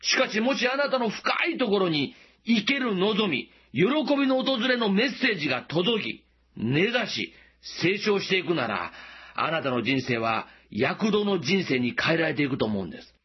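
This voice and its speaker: A man preaching a sermon as pastor, gently asking listeners questions and slowing down for emphasis, in a dull lo-fi recording. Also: high-pitched, sing-song, slightly rough.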